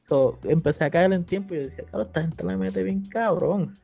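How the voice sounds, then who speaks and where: A man's voice: high-pitched, brisk, creaky, warm tone, slightly rough, highs cut off, faint music behind. A man with a Puerto Rican accent, chatting casually as a podcast guest, full of slang and dropping English words in as he tells his story. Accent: Puerto Rican Spanish. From Puerto Rico. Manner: slangy, mixes English words in, acts out quotes. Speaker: podcast guest, platform founder. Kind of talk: casual interview chat.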